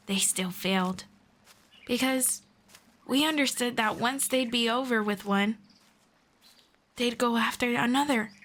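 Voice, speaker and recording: In this one-sided scripted roleplay, a woman with a slightly high voice voices a kind, well-informed female elf who guides a human. She talks to the listener formally and at a measured pace, explaining things gently.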